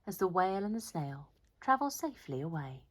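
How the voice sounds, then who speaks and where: A woman with an English accent reading a children's picture book aloud in a dramatic, rhythmic way with hushed, drawn-out words. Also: fairly low pitch, big pitch swings. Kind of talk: expressive children's read-aloud narration.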